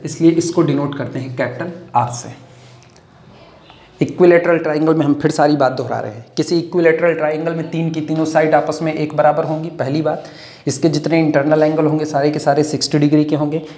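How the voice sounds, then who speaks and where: A man gives a classroom math lecture in a somewhat high voice, dictating formulas slowly word by word for students to copy. He breaks up the dictation with homely, everyday comparisons. The sound is echoey, as if recorded in a bare room. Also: a little mellow. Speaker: math teacher.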